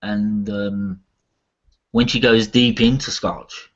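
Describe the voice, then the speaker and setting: A man's voice: lowish voice, flat delivery, slow, a bit bright. A man chatting casually with friends, self-deprecating and laughing. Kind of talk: casual group chat. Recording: dull lo-fi sound.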